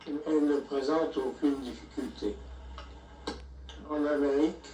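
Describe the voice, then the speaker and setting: A man narrating a language lesson in a measured, deliberate way, even reading the punctuation out loud. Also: a little high. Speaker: language lecturer. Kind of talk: slow scripted narration. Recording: echoey room, distant mic, faint background noise.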